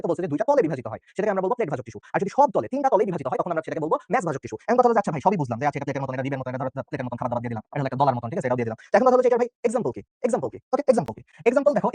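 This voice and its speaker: A young man from Bangladesh gives an online biology lecture at a very rapid clip. His voice sits high and the sound is dry and close. He is chatty and joking, and keeps checking in with his students. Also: darkish tone, no echo. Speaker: biology tutor. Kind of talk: online exam-prep lecture.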